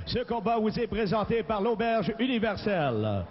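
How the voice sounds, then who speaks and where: A high-voiced man works as an arena announcer, booming and theatrical. His formal introductions come over a PA and ring through a big, long-echoing hall. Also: big pitch swings, moderate pace, dull audio. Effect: arena public-address system. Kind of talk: bilingual arena announcer introductions, drawn-out names. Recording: echoing arena PA, band-limited, noisy.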